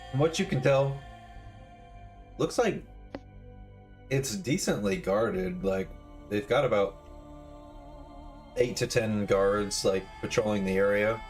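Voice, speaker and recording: Man as dungeon master, casual and unhurried, low and animated tone, soft music behind him. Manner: relaxed, casual, many fillers. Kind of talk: running a tabletop game.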